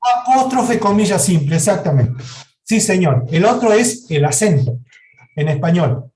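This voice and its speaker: A man's voice: high voice, lively intonation, measured pace, darkish tone. A man teaching a university programming class, explaining step by step and often checking in with the students. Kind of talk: live lecture with software demo. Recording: echoey classroom recording.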